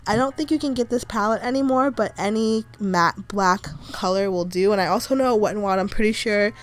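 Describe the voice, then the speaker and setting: A young woman with a cold-stuffed nose narrates a makeup tutorial, her mid-range voice moving a little fast. She's a beauty vlogger who sounds chatty, casual and reassuring, sprinkling in plenty of "like" and "kinda."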